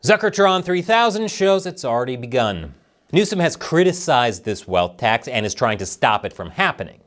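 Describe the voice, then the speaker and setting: Sarcastic male news host, lively pitch. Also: normal speed. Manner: sarcastic, lively delivery with jokes. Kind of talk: satirical news commentary.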